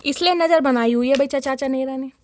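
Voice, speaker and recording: In a high-pitched, slightly fast voice with a darkish tone, a young tarot reader chats through a casual reading for her viewers. She is dramatic, laughs a lot, and calls out to her audience, while a little hiss or hum sits under the audio.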